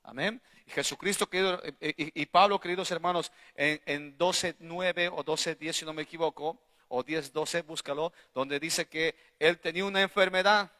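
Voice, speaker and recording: Male pastor, sermon delivery, bright slightly high voice, punchy call-and-response questions, loud-soft swings, church hall reverb. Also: fairly even intonation, normal speed, hardly any pauses. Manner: emphatic preaching, frequent rhetorical questions to the congregation; swings between loud bursts and quiet asides.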